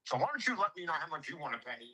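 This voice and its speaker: A brash, streetwise man talks shop as a contractor. His voice is very bright and forceful, and he lectures with swearing and acted-out quotes. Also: a little high, sing-song, very fast, slightly rough, poor audio. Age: 50s. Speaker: home improvement contractor. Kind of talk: casual sales conversation.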